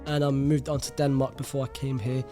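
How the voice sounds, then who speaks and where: A man from Iraq chatting casually to camera as a YouTuber. He talks in an animated, slangy way, often says "bro", and repeats words for emphasis. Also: mid-range voice, a little fast, soft background music.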